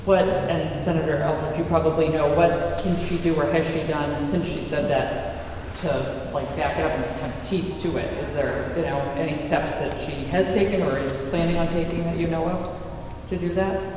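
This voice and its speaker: A woman's voice: deep voice, fairly even intonation, normal speed. Earnest woman, distant, echoey hall. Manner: earnest, rambling questions. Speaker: meeting participant asking questions. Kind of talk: public meeting question. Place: town meeting room. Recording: echoey hall from far off, crowd noise.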